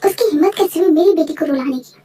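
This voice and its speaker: A woman's voice: very high voice, quick pace, warm tone, far from the mic. A woman voicing a protective, hot-tempered middle-aged father in a fan voice-over drama. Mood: angry. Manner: stern, protective.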